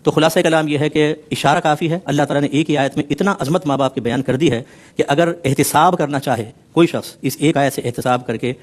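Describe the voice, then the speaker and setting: A man speaking as an Islamic scholar, explaining a verse in earnest with teasing asides and stray English words. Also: a little high. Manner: mixes English words into his talk. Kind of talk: religious discourse explaining a Quran verse.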